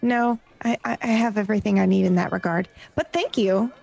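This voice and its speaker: A woman's voice: mid-range voice, fairly quick, vocal fry, darkish tone, faint music behind. A woman playing a tabletop game in character, hesitant and polite. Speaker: player.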